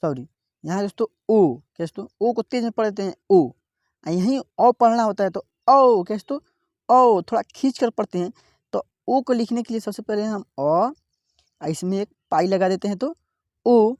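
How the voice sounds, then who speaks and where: Woman, online Hindi teacher, middle pitch, patient, question-led drilling, dry close recording. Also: moderate pace, warm tone, dry recording. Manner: repeats "क्या दोस्तों?" often, drawing out the vowels she teaches. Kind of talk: step-by-step alphabet lesson.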